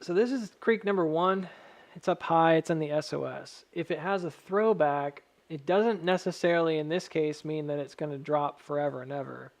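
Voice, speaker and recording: A man with a slightly high voice talks through technical analysis casually, as if thinking aloud. His s sounds carry a faint whistle, and his delivery is measured and careful, qualifying points as he goes. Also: gravelly. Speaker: stock chart analyst addressing viewers. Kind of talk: casual technical chart commentary.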